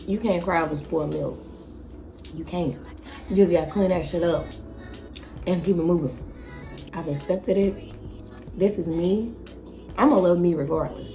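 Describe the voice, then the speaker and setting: A young woman from Kentucky with a country twang, chatting fast and casually in her vlog. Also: lowish voice, warm tone, echoey room. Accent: Kentucky Southern. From Kentucky, USA. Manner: fast-talking, chatty, laughs often. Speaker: vlogger.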